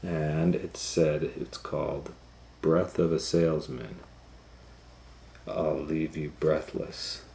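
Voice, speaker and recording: Acting as a storytime host, a man with an extremely low voice and vocal fry reads a children's picture book aloud. He's animated and keeps breaking off for chatty asides to the listener.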